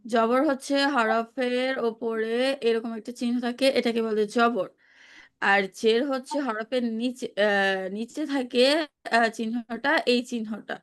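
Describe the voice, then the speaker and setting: A woman's voice: fairly high pitch, steady tone, measured pace, clean tone. A woman teaching an online lesson on reading Quranic vowel marks, patiently repeating questions for her students to answer.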